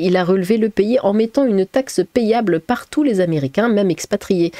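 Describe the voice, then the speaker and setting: Mellow-voiced woman reading comments. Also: fairly low pitch, no room sound. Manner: hesitant, many fillers and restarts, amused sarcastic emphasis. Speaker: YouTuber reading viewer comments.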